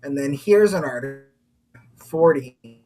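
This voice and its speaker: A man explaining slides on a video call whose voice keeps cutting in and out over a weak connection, talking in halting fragments. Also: medium pitch, lively intonation, dark tone, rough recording. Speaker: guest presenter.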